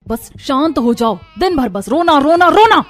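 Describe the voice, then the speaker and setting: एक महिला एक कार्टून कहानी में एक घमंडी, लापरवाह युवा माँ की आवाज़ दे रही है, तीखे और टालने वाले अंदाज़ में।. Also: female voice, on the high side, brisk, lightly acted. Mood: angry. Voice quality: sharp, dismissive. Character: arrogant young modern wife, careless mother. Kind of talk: Hindi cartoon voice acting. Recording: light music behind voice.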